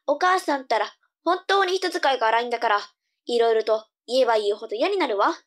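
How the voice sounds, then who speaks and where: A woman's voice: on the high side, expressive, quick pace, fairly bright tone. A woman playing a cheeky young girl, a sassy little sister, with cute anime delivery in a tongue-twister audio drama. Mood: grumbling.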